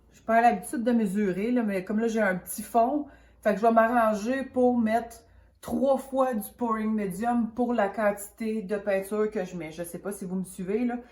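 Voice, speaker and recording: Casting: Quebec woman, soft mellow tone, chatty hands-on craft tutorial host with a cold, roomy echoing sound. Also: on the high side. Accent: Quebec French. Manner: chatty, rambling, hesitant thinking aloud. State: has a cold. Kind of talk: casual hands-on painting tutorial.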